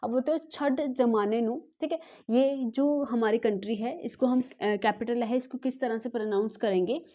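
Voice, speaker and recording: A woman coaching teacher walks students through exam memory tricks in a chatty way, tacking a checking "okay?" onto almost every sentence and mixing in English words. Her voice sits a little high with a soft, mellow tone. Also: normal speed, hardly any pauses. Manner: mixes English words into Hindi.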